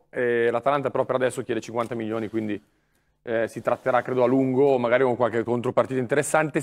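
A man giving opinionated football transfer analysis on a casual talk show. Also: medium pitch.

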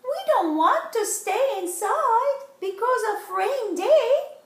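A middle-aged woman reads a picture book to children in her living room at home, giving an animated, expressive read-aloud that is slow, deliberate and extremely unhurried, with the rhyming words stretched out. Her voice is very high-pitched, and the roomy home recording has an echoey sound.

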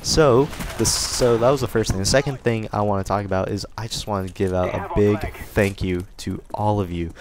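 A man's voice: low-pitched, background noise. A young man giving casual, rambling commentary over a video game, thanking his viewers with many fillers and restarts. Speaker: gaming commentator. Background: game gunfire.

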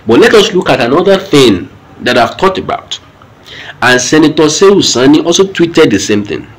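A man's voice: medium pitch, poor audio. A man with a Nigerian accent giving news commentary in an explanatory way.

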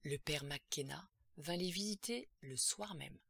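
A woman's voice: low voice, unhurried, gravelly, a bit bright, husky, no echo. A woman narrating a horror audiobook in a tense, dramatic storytelling manner.

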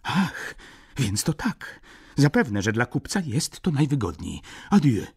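A man's voice: lowish voice, huge pitch swings, unhurried, darkish tone, husky, pitched above the performer's own voice, heavily acted. A man reading an audiobook, voicing an agitated middle-aged baroness with a raised, indignant voice.

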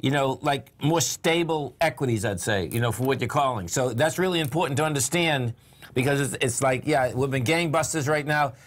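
A man's voice: medium pitch, fairly quick. An older man hosting a trading show in a studio, talking casually with folksy, enthusiastic repetition. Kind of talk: casual market talk. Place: TV studio at a desk.

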